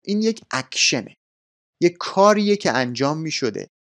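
A man teaching an English grammar lesson, explaining patiently and formally, slowing down for example sentences. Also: a little high, big pitch swings, a bit bright.

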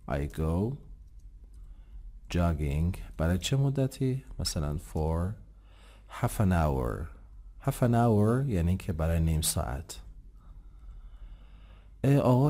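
Man, language teacher, low voice, warm tone, patient explanations, slow and careful English examples. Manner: explains patiently, asks himself questions and answers them; says English examples slowly and clearly. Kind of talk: online English lesson.

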